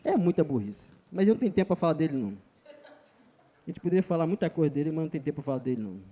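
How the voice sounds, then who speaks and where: Preaching at a church retreat, a man with a Brazilian Portuguese accent delivers an emphatic sermon, repeatedly calling his listeners brother. His voice is fairly high, warm, expressive, and rapid-fire.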